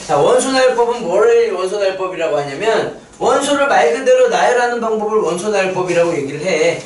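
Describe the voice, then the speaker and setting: A little hiss or hum runs under this high-voiced man's whiteboard math lesson. He explains each step and puts questions to his students, heard from a far-off mic in an echoey room.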